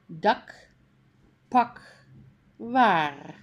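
Female reading teacher; unhurried, deliberate delivery, clearly sounded-out words, animated pitch. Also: lo-fi sound. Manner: clearly sounded-out words with pauses between them. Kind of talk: slow read-aloud of a beginner reading lesson.

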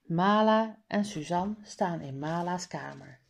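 A woman reading a children's reading book aloud slowly and clearly, for learners. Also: on the low side. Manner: clear, deliberate, over-articulated. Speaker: reader.

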